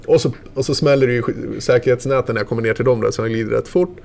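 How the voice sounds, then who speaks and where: A man's voice: medium pitch, vocal fry, darkish tone, slight background noise. A man and former ski racer, casually retelling a story in a vivid, loose way with fillers and the odd curse.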